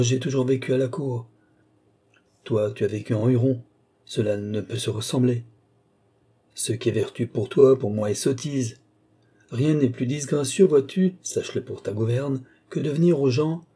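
A man's voice: mid-range voice, steady tone, normal speed, mellow, husky, natural voice. A man voicing an aged, mannered court duke who mocks and lectures in an affected, theatrical way. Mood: sly mocking.

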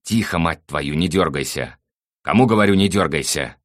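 A man's voice: a bass voice, expressive, a little slow, no echo, studio quality. A man reading an audiobook, voicing a coarse, bossy male thug who swears and barks orders. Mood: barking orders.

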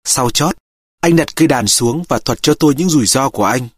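A man narrating an audiobook slowly and in a measured way. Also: medium pitch, animated, breathy edge, no echo, clean studio sound. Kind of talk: audiobook reading.

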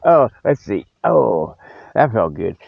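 This man's voice is on the low side, very animated, slow and creaky as he hosts a jokey mock news show, rambling in a folksy, colloquial, casual manner. The sound is narrow and phone-like, with no echo and a dry quality.

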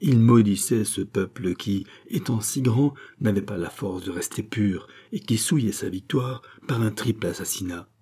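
Male narrator for a classic novel; low, dark, slightly husky, measured and dramatic. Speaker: audiobook narrator.

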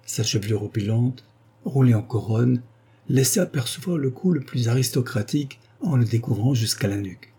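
A man narrating a novel as an audiobook in an even, measured reading. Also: medium pitch, breathy edge.

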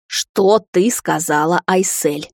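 A woman's voice: on the low side, takes it slowly, no room sound, studio quality. A woman voicing a desperate young male vampire who presses hard with demands, in a storybook reading. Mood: demanding.

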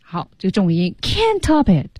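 A woman's voice: medium pitch, wildly swooping pitch, normal speed, mellow, slight background noise. A woman co-hosting an English lesson on a radio program, guiding students and repeating English lines expressively. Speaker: radio English teacher, co-host. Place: radio studio.

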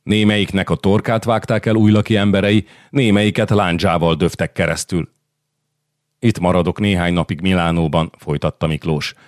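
A man narrating a historical novel as an audiobook, reading the dialogue in a measured, even way. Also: deep voice, no echo, clean studio sound.

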